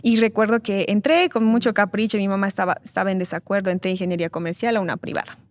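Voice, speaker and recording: A young woman giving an earnest, emotional personal testimony as an interview guest, speaking haltingly and often repeating words. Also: mid-range voice, fairly even intonation, no echo. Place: church recording studio.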